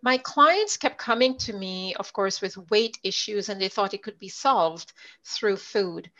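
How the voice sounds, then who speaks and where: A middle-aged woman from Jamaica, a leadership coach, telling her story in an interview with lively storytelling. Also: medium pitch, unhurried. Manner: animated storyteller, voices others in quotes. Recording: dull lo-fi audio.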